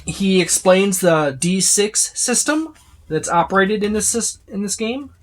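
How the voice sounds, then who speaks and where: There's slight background noise as a tabletop game book reviewer, medium in pitch and expressive, talks at a measured pace. It's an off-the-cuff rundown of a game rulebook, rambling and circling back to stress items on the list.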